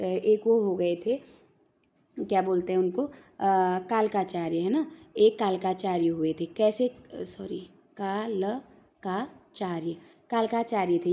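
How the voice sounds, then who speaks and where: A woman's voice: medium pitch, dark tone. A woman teaching an exam-prep lesson, patiently repeating key points and checking in with her students as she goes.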